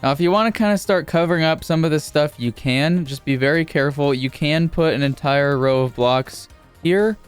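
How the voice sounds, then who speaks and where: A man narrating a casual game building tutorial as a YouTuber, speaking informally in a steady, repetitive cadence. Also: a little high, moderate pace, clear, resonant tone, faint music behind.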